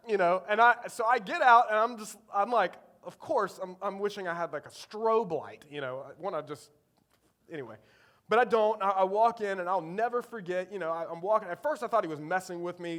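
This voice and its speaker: A man's voice: sits high, fairly quick, a bit bright. A man from preaching a sermon, telling a personal story in a conversational way with many fillers. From Eastern North Carolina. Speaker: pastor.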